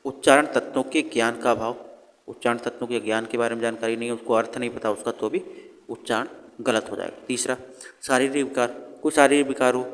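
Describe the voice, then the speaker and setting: A man's voice: mid-range voice, big-room sound. A man teaching an exam revision lesson, asking questions and answering them himself. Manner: explains by asking and answering his own questions.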